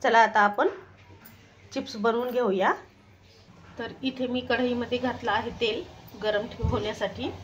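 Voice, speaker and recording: Marathi woman, cooking channel host, higher voice, homely demonstrator, slight background hiss. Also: fairly even intonation, unhurried, long pauses, highs cut off. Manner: homely, instructive, repeats "तर हे बघा".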